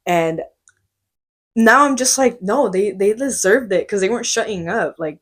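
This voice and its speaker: A woman's voice: mid-range voice, normal speed. A woman in her twenties telling a story in a casual chat with her sister, acting out what people said. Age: 20s. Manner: animated storytelling, acts out quotes. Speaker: podcast co-host.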